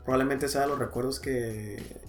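A woman in casual chat, telling stories in a quick, chatty way. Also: very deep voice, fairly even intonation, over music.

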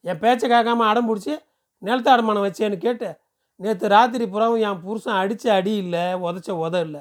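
A distressed poor village woman pleading anxiously, her voice pitched high, as a male storyteller puts her on. She hurries through her complaints in a read-aloud short story. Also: fairly quick, close to an everyday voice.

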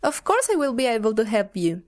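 High-voiced woman, learner. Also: big pitch swings, moderate pace, a little mellow. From Mexico. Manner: playful, repeats phrases as learner. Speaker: co-host and student. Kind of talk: scripted lesson dialogue.

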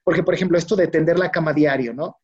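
A man's voice: fairly high pitch, fast, husky. A man with a Mexican accent, a guest in a casual interview, telling anecdotes and acting out the dialogue of others as he recalls it. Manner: anecdotal, acts out quoted dialogue, frequent "¿no?" tags. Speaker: guest, psychologist and yoga teacher. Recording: dull lo-fi audio.

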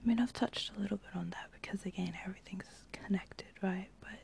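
A woman's voice: medium pitch, steady tone, fast, vocal fry, darkish tone. A young woman, talking casually in a whispered ASMR voice, rambling with lots of fillers. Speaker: channel host.

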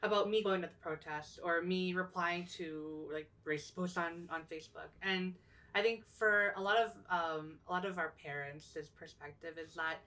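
Soft-voiced young woman, a bit off-mic. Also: fairly low pitch, moderate pace, distant mic. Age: young adult. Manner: thoughtful, many fillers and restarts. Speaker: podcast co-host. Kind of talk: casual podcast chat.

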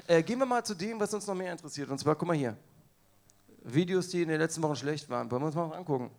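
Guy on a podcast trashing rap videos, sarcastic, a bit high voice, gets loud hyping people up. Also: expressive, racing. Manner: sarcastic, hype-man shouting to the crowd. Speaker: podcast co-host. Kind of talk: casual podcast banter. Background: audience present.

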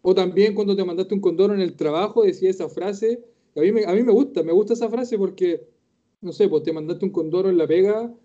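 A Chilean man in his forties teaching Japanese in a casual online class, chatty and slowly drawing out Japanese phrases. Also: sits high, dark tone, dull audio. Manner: chatty, drawn-out Japanese phrases, laughs often.

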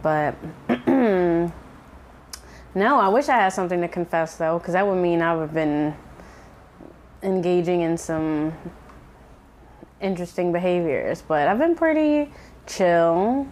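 A woman co-hosting a podcast in casual chat, relaxed and wry with playful asides. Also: on the low side, unhurried, pauses often, a little hiss or hum. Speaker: podcast co-host.

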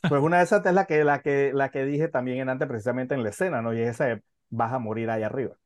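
A man co-hosting a film podcast, talking casually and stumbling through fillers and restarts as he gathers his thoughts. His voice sits at a middle pitch. The sound is dry and close. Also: fairly even intonation, quick pace, dry recording. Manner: hesitant, many fillers and restarts. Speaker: podcast co-host.

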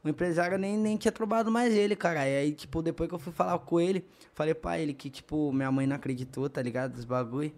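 Young male funk MC, slightly high voice, slushy tongue-tied lisp, São Paulo accent, slangy casual storyteller who repeats himself. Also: fast, few pauses, darkish tone. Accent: São Paulo state Brazilian. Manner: heavy street slang, repeats phrases. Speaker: guest, funk MC.

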